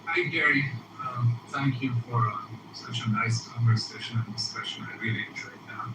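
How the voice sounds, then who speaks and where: A man's voice: medium pitch, normal speed. A man with an Iranian accent calling in to a political show, earnest and hesitant, with many fillers. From Iran. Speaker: caller. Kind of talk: political call-in talk. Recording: roomy and distant with noticeable hiss.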